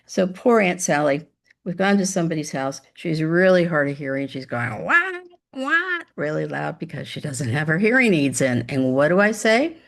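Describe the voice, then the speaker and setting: Woman, teacher, demo math lesson, video call mic, upbeat, chatty, fairly low pitch, gravelly. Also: expressive, moderate pace. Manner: upbeat, chatty, talks to imagined students. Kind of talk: demo math lesson over screen share.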